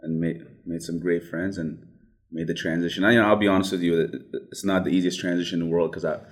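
A man's voice: sits low, little pitch movement, fast talker. A young man from Ethiopia whose first language is Amharic, talking through his story in a casual interview, hesitant with frequent restarts. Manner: hesitant, many restarts and fillers. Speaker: guest.

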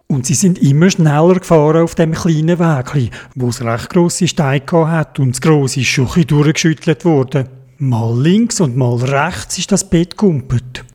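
A man with a Swiss German accent reading a children's story aloud, gentle and expressive. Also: a little high, normal speed.

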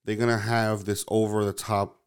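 A man's voice: fairly low pitch, flat delivery, moderate pace, clear, resonant tone. A man in casual chat, rambling and hesitant, with many fillers and restarts.

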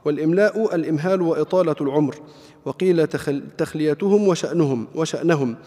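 A man, a student reading a classical commentary aloud in a rapid, even recitation. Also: on the high side. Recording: long reverb of a hall.

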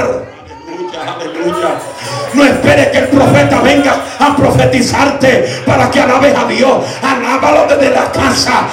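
A man preaching a fervent testimony as pastor, going from hushed storytelling to shouted exhortation. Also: very high-pitched. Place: church. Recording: echoey church hall with music underneath.

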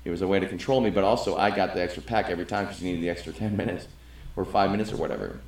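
A middle-aged man co-hosts a podcast in a low, steady, darkish voice, speaking rapid-fire with a little hiss or hum in the audio. He talks earnestly but rambles, often restarting sentences in a casual conversation. The recording sounds roomy and echoey.

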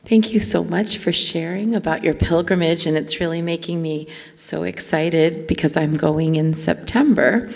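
Low-voiced woman priestess projecting to a gathering, heard from far off in a long-reverb hall. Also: normal speed, creaky, few pauses, darkish tone. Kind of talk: addressing a spiritual gathering. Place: temple hall.

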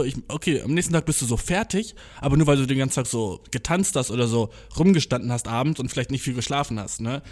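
A young man telling a story in a casual monologue, slangy and swearing a lot, mixing in English words, self-mocking and excitable, stumbling over his words. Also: medium pitch.

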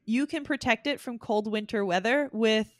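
A woman's voice: fairly high pitch, moderate pace, no echo. Woman explaining stuff in a casual chat, dead dry mic, laughs a lot. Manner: explanatory, chatty, laughs easily. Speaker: podcast co-host.

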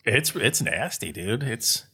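A man's voice: medium pitch, sing-song, takes it slowly, pushed and bright, breathy edge. A man co-hosting a casual podcast chat, swearing freely and saying "dude" a lot, laughing often. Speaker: podcast co-host.

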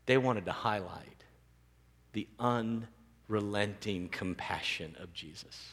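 Guy preaching in a church, lots of hall echo, gets loud and fired up at times. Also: fairly low pitch, takes it slowly. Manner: animated, rising to emphatic peaks. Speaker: pastor. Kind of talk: sermon. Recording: long reverb of a large hall.

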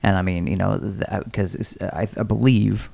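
Low gravelly man chatting casually. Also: fairly even intonation, normal speed, darkish tone, no echo. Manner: rambling, many fillers and restarts. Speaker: podcast co-host. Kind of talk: casual chat about movies.

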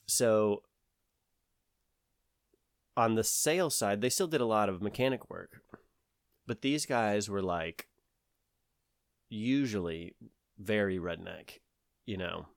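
A man's voice: on the low side, slow, vocal fry, long pauses, no echo, clean studio sound. A man from the American South with a Southern accent, telling a long story in casual conversation, rambling with many fillers and restarts.

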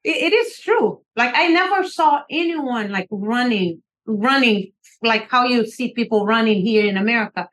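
A woman's voice: on the high side, expressive, normal speed, hardly any pauses, a bit bright. A middle-aged woman from Brazil with a Brazilian Portuguese accent, speaking earnestly as an author guest on a podcast interview.

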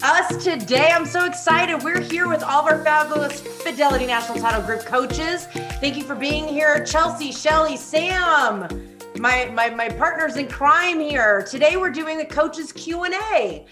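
A woman's voice: sits high, a little slow, over music. A woman hosting a podcast, upbeat and enthusiastic as she introduces her guests and asks questions. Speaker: podcast host. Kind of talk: podcast interview.

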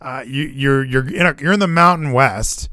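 In a studio-quality recording without echo, an American man from Hawaii talks sports casually in a medium-pitched voice at a moderate pace. He's animated and opinionated, wandering from point to point and cursing freely as he goes.

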